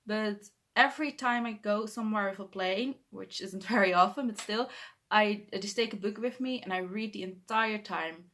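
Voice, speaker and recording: A young booktuber from the Netherlands, speaking English as a second language, talks casually and alone to camera in her bedroom. Her mid-range voice is a bit bright at normal speed, and she's shy, hesitant, and self-correcting, laughing bashfully.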